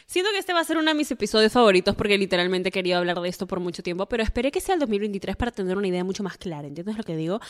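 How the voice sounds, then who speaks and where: A woman hosting a podcast in a casual chat, playful and showering the listener with flattering pep talk. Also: mid-range voice. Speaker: podcast host. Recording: long reverb.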